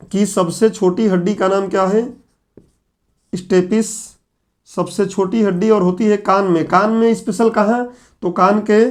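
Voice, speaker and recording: A middle-aged man teaching in a classroom, his voice pitched notably high and roughened by a sore throat. He works through the lesson point by point, firing questions at the class and answering them himself. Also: darkish tone. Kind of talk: classroom lecture at a whiteboard.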